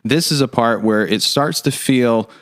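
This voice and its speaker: A man co-hosting a podcast, talking in a relaxed, hesitant way with fillers and light joking. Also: mid-range voice, unhurried, no room sound, studio quality. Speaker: podcast co-host. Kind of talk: casual podcast discussion.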